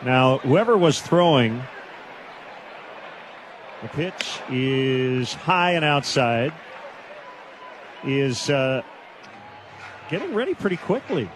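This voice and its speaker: A man calling radio baseball play-by-play, with brisk calls that climb into shouts on big hits. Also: medium pitch, very animated, a little hiss or hum. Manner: brisk calls that rise into shouted home run calls. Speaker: play-by-play announcer.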